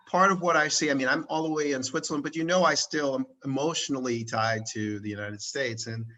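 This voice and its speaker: A man hosts a relaxed conversational interview, his voice bright and clear. He circles his points, restarts sentences and keeps tagging them with "right?". It sounds like a video call. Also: mid-range voice, brisk, poor audio. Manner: rambling, many restarts and tag questions. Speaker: interviewer and channel host. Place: at home in Switzerland, recorded over a video call.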